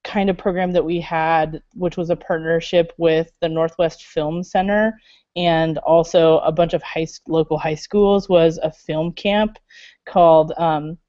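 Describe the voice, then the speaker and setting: A woman's voice: low-pitched, steady tone, measured pace, warm tone, no echo. Chatty woman on a muffled video call. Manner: chatty, many fillers, laughs. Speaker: library makerspace staff member. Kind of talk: casual video call interview. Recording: dull lo-fi video call audio.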